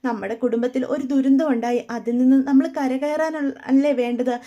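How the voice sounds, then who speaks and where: A woman's voice: high voice, fairly even intonation, normal speed, mellow, dull audio, close to an everyday voice. A woman voicing an older mother, tearful and reproachful.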